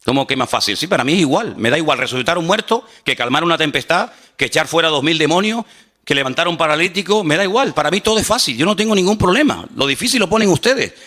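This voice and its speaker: A male pastor preaching a sermon in an animated way, acting out quotes and joking with his congregation. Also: fairly high pitch, quick pace.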